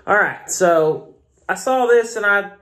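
A man's voice: sits high, animated, slow, fairly bright tone. Chatty Southern man reviewing beer. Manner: chatty, rambling, self-mocking. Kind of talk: casual review vlog. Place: home room. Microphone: phone camera.

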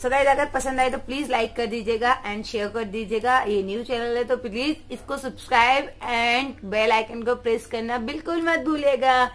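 A woman's voice: fairly high pitch, normal speed, hardly any pauses, fairly bright tone. A young woman vlogging as a mother, chatting casually to camera and coaxing her toddler in sing-song baby talk.

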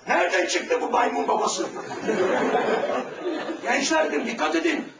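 A man telling religious stories and anecdotes to young listeners, animated and often raising his voice to a shout, retelling exchanges in quoted dialogue. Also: very high voice, normal speed, a crowd in the background. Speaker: religious storyteller giving a talk. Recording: roomy, distant mic with background noise.

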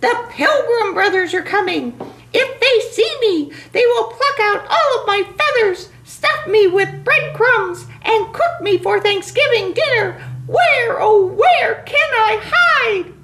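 Lady doing a squeaky frantic storybook turkey, way up high, echoey room. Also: lively intonation, slow pace, fairly bright tone, full character voice. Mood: panicky. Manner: shrieking, fretful pleading. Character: panicky young male turkey, frantic and shrill.

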